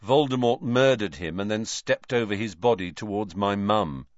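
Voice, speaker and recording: A man voicing a quiet, steady teenage boy who presses his point in a level voice, in a storybook reading. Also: fairly low pitch, normal speed, no room sound, dull audio, lightly acted. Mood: calm.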